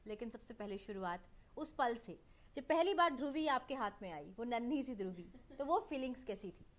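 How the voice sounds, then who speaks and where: A woman's voice: a little high, expressive, normal speed. A woman hosting a TV interview, speaking in a formal anchoring manner and mixing in English phrases. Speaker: TV host.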